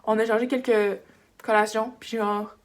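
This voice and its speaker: A woman's voice: a little high, little pitch movement, moderate pace. A young woman from Quebec with a Québécois French accent, telling a story in a casual vlog, chatty and rambling with lots of filler words. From Quebec, Canada. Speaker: vlogger. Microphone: phone camera.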